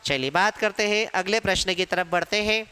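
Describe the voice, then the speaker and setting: High clear guy teaching grammar, quizzes the class and answers himself, echoey room. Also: a little fast, sharp tone. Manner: explains step by step, asks questions then answers them himself. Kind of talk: exam-prep classroom lecture. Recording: echoey hall reverb.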